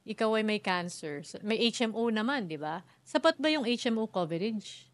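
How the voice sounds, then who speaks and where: A woman's voice: mid-range voice, expressive, moderate pace, no room sound. A woman hosting a health talk show, asking her guest questions and summing up her answers.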